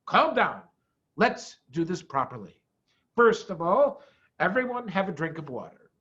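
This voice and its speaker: A man voicing a proud, excitable father fox from a storybook, theatrical and emphatic. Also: high-pitched, a little slow, exaggerated voice. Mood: brisk, commanding. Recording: dull, muffled lo-fi audio.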